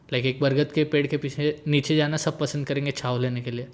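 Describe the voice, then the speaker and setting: The speaker, a man in his late twenties, talks a little fast in a flat, mid-range voice. As a guest in a casual conversation, he's easygoing and joking, mixing English phrases into his Hindi.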